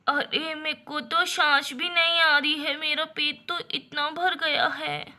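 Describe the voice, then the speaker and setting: A woman's voice: high-pitched, little pitch movement, slow, bright, forceful tone, full character voice. A woman voicing a little girl who whines and pleads with her parents in a doll story. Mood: cheerful. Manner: pleading, weepy. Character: little girl, whiny sister with stomachache.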